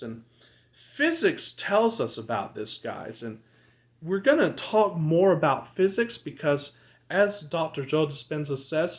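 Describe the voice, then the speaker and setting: A man with a slightly high voice leads a spiritual breathwork session. He talks slowly and deliberately, like a guru, leaving pauses between short phrases. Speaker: meditation and breathwork teacher, channel host. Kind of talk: guided breathwork and spiritual talk.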